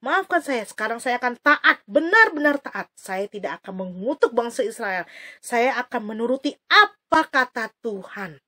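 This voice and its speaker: Woman doing a quick-tempered storybook man. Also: fairly high pitch, animated, sharp tone. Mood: remorseful. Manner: scolding, then begging forgiveness. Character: quick-tempered man who turns remorseful.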